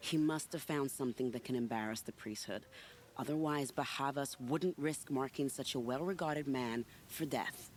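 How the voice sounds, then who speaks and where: In a video game cutscene, an actress voices a sly, flirtatious female spy, teasing and confiding playfully. Her bass voice is a little mellow, and she talks at normal speed, with slight background noise.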